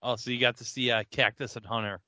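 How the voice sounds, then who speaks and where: A man's voice: medium pitch, fairly even intonation, fast, sharp tone, lo-fi sound. A man chatting casually as a podcast co-host, chiming in playfully and eagerly. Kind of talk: casual chat.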